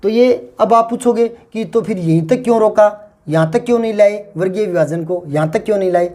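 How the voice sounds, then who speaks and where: A man's voice: high-pitched, brisk, warm tone. A man teaching grammar in an exam-prep lesson. He explains patiently, repeats key terms and asks rhetorical questions.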